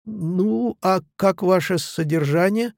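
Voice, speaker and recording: A man's voice: sits high, takes it slowly, vocal fry, darkish tone, no echo, studio quality, heavily acted. A man reading the lines of a smug young officer who talks down with patronizing, mock sympathy. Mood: condescending.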